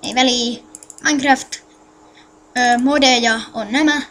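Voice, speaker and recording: High-pitched woman muttering through a game tutorial. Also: fairly even intonation, a bit bright. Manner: mutters to self while clicking, halting and distracted; addresses viewers directly with instructions. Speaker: tutorial maker. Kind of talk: casual screen-recorded game tutorial.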